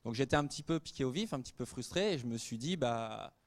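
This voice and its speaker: French man telling lively stories on stage. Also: medium pitch, quick pace. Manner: lively anecdotal storytelling with many fillers. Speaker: guest speaker. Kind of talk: storytelling talk to students.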